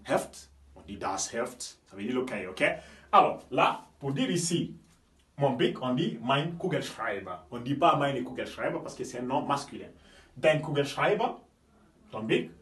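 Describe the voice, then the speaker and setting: A man teaches a grammar lesson, pushing hard on each example word, then letting his voice fall away at the end of a phrase. He checks in again and again with a quick "ok?". He sounds set back from the mic, in a room with a strong echo. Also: mid-range voice, a bit bright. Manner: repetitive, checks understanding with frequent "ok?"; stresses German example words, drops off at phrase ends. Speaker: German teacher. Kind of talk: classroom-style grammar lesson. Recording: roomy echo, mic at a distance.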